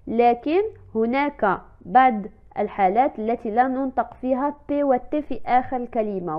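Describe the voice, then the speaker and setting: A woman teaching French in a language lesson, repeating each example word clearly several times before explaining it. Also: a little high. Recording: tinny phone-like sound.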